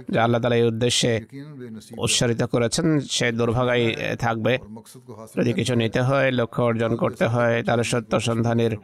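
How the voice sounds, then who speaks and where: A man preaching a sermon in a steady, flat delivery that barely rises or falls. He speaks in measured, exhortative phrases and pauses over his words, with an occasional stumble and restart. His voice sits at an ordinary middle pitch for a man. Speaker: religious speaker.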